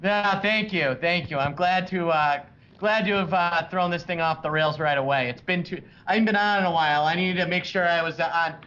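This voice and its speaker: A man's voice: high voice, pushed and bright, slight background noise. Tinny-sounding joking man. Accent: Chicago. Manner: playful, teasing, halting with many fillers. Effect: tinny, thin-sounding voice. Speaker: panelist. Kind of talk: joking casual chat.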